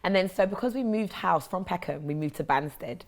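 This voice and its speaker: Woman, deep voice, South London accent; interview guest recounting personal stories. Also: fairly quick. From South London, England.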